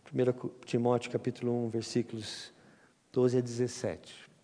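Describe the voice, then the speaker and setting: A man's voice: medium pitch, normal speed. A man preaching a sermon to his church, telling a story and acting out its voices before reading scripture. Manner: animated storytelling, acts out dialogue. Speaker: pastor. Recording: church hall reverb with music.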